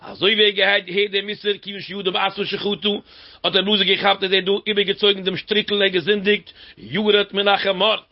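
A man's voice: high voice, level tone, fairly quick. A man giving a religious storytelling lecture as a teacher, often repeating key words and phrases. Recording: dull lo-fi recording.

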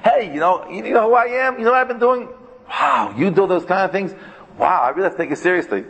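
A man's voice: high-pitched, animated, quick pace, a bit bright, breathy edge, pitched above the performer's own voice, exaggerated voice. A man voicing a self-important, bragging, falsely modest man who craves honor and respect, in an echoing hall. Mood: boastful.

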